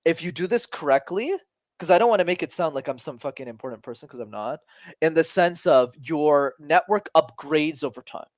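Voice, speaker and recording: A communication coach in his twenties speaks as a podcast guest, energetic and emphatic, keeping it casual with some swearing. His voice is a little high and his delivery brisk, with no echo in the recording.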